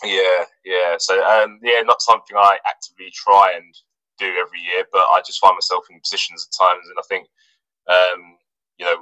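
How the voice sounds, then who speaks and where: The man's low voice moves at a moderate pace as this footballer from England talks casually in an interview, relaxed and hesitant with many fillers and restarts. The recording is dry and of low quality.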